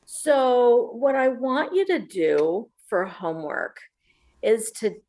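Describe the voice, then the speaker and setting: A woman's voice: a little high, big pitch swings, slow pace, warm tone, full character voice. A woman playing an earnest webinar leader who hands out homework, in improv comedy. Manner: earnest, leisurely, facilitator-like.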